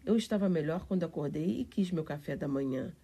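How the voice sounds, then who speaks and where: A woman's voice: low-pitched, animated, a little fast, warm tone, husky, exaggerated voice. A woman voicing a sickly, imperious young boy who gives orders in a storybook reading. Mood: commanding. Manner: bossy, insistent.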